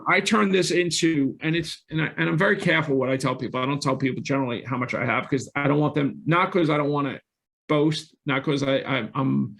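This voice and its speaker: A gravelly, slightly bright voice on the high side moves at a brisk clip as a middle-aged man tells his story on an interview show. He's a real estate investor and a guest there, sincere and candid, often backing up to restart or amend his sentences.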